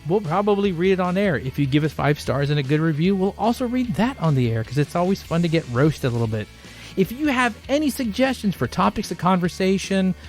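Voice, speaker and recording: A man co-hosting a casual podcast, joking and bantering boisterously. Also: fairly high pitch. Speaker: podcast co-host.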